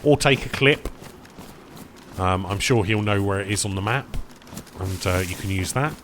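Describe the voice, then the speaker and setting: A man's voice: on the low side, moderate pace, a bit bright, a little hiss or hum. A man chatting casually to his viewers while streaming a game, rambling between topics and eating as he talks. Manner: rambling, chatty, addresses chat as "boys"; talks while eating, mouth full at times. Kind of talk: casual live-stream chat.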